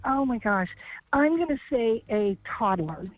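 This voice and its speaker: A woman's voice: on the high side, expressive, a little slow, no room sound, faint music behind. A woman calling in as a game contestant, guessing with hesitant, flustered answers, heard over a phone line.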